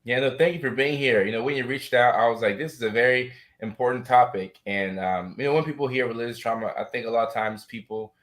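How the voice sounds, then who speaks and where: A man runs a live talk show interview in a relaxed, encouraging manner, gushing and validating. He talks fast at a medium pitch with a steady, slightly bright tone and hardly pauses. His voice is strained, hinting at vocal trouble.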